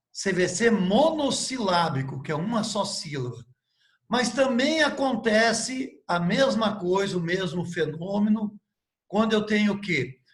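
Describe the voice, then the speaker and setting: A man's voice: sits high, echoey room. A man teaching an English grammar lesson live, patiently spelling out words and asking his students questions. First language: Portuguese.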